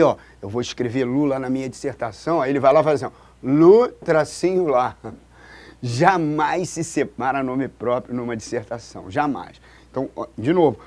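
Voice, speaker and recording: A man's voice: medium pitch, a little mellow. A man from Brazil, a writing teacher giving a lesson at a board, pointing things out as he writes. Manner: demonstrative, keeps pointing with "look". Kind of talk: classroom-style lesson at a board.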